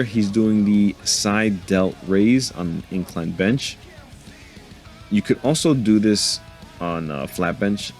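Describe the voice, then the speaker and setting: A man with a low, deep voice talks through his gym workout in a relaxed, joking way, laughing to himself now and then. Faint music plays under his voice-over. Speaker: fitness vlogger narrating his workout. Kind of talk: casual voice-over commentary.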